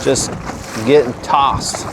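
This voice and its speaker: A man talks casually to his viewers as a fishing vlog host, out on open water in the wind. His pitch is middling for a man. He speaks in an informal way, as if out on a windy clifftop, exposed to the weather. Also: steady tone, takes it slowly. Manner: informal, addresses viewers as guys. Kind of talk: casual talk to camera from a kayak. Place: outdoors on open water in a kayak, strong wind at times.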